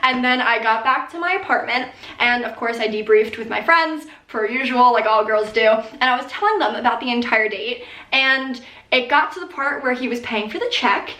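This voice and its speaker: A young woman in her early twenties hosts a casual Q&A in a bright, highish voice. She chats like she is gossiping with friends, animated and giggly, peppering her stories with "like". The sound is roomy and echoey. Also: moderate pace. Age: early 20s. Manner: animated, giggly girl-talk with frequent "like". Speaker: video host answering viewer questions. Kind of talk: casual chatty Q&A storytelling.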